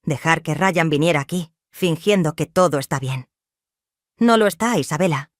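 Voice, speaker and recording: A woman's voice: low voice, moderate pace, no room sound, clean studio sound, lightly acted. A woman reading a tense, desperate young man. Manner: tense, strained.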